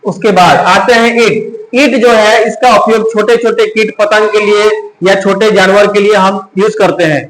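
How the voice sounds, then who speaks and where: A male teacher with a very high voice quizzes his class on grammar, repeating each answer back to them. His voice rings around an echoey classroom, with a faint hum of room noise behind it. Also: steady tone, moderate pace, few pauses, a bit bright. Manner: mixes Hindi with English terms. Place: classroom with students.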